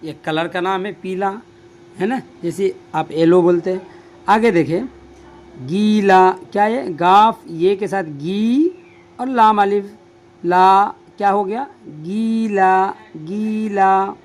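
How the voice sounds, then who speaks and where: Slow, patient male reading teacher. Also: sits high. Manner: patient, drawn-out repetition of each word. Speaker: Urdu teacher. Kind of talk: slow spelling-out reading lesson.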